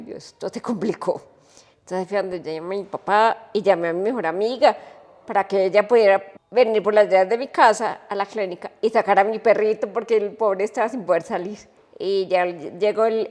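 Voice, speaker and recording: A woman, a podcast guest telling a personal story in an animated, emotional way. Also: medium pitch, long reverb tail.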